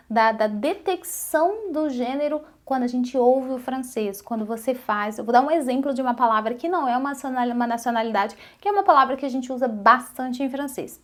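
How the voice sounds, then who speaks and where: Woman teaching French, slightly high voice. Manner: slow, carefully repeated French examples between casual Portuguese explanations. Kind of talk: online language lesson.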